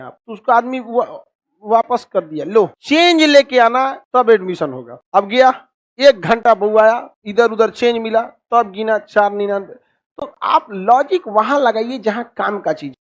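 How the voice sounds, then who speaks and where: A middle-aged male teacher lectures a classroom with scolding sarcasm. His voice sits high for a man and keeps asking rhetorical questions. The sound is dry and close. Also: dry recording. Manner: scolding, sarcastic, addresses students as donkeys.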